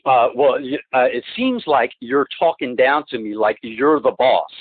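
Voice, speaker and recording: A man on a phone call who talks in a halting, rambling way, restarting and repeating words, and presses his complaints insistently, heard through a phone line. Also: medium pitch, no echo. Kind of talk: phone conversation. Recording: tinny, dry phone-line recording.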